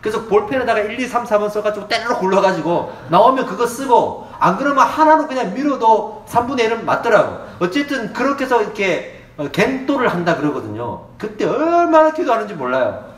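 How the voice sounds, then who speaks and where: A male pastor with a Gyeongsang Korean accent preaching a Sunday sermon. His voice sits high and swings widely as he plays out quoted prayers and dialogue. It carries through an echoey church room. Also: very animated, brisk, a bit bright. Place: church sanctuary.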